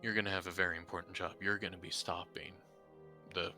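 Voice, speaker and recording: A man playing a focused, respectful military squad leader in a tabletop game, speaking in a deliberate, halting way. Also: sits low, level tone, bright, forceful tone, faint music behind. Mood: focused, commanding.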